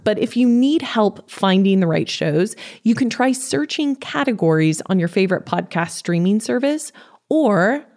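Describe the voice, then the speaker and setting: A woman's voice: mid-range voice, a little mellow. Upbeat, tidy advice-vlogger woman hosting. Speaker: podcast host giving advice. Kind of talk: scripted upbeat how-to narration.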